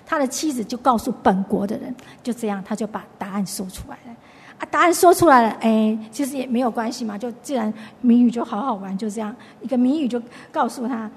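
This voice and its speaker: High, husky woman teaching the Bible. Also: fast talker, big-room sound. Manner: chatty, explains and retells with many restarts.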